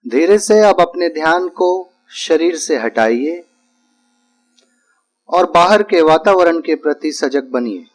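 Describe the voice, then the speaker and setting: Speaking as a yoga nidra teacher, this man talks listeners through guided relaxation in a voice that sits on the high side. His delivery is calm and deliberate, built from brief phrases he repeats, with pauses between them.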